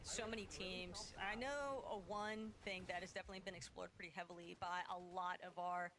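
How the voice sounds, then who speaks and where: A woman calling live esports action, quickly narrating fights and eliminations. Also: lowish voice, steady tone. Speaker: esports commentator. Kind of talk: live play-by-play commentary. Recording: crowd noise behind the voice.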